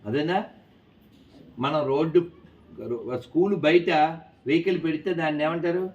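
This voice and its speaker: A man telling a lively moral story to schoolchildren in an animated, coaxing way, quizzing them as he goes. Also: a little high, unhurried. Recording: distant, dull with faint noise.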